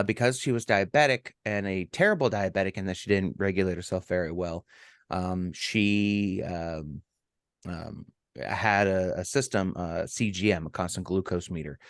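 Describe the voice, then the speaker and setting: Low-voiced man telling a personal story. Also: a bit bright, no echo. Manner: halting, with many ums and restarts. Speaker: podcast co-host.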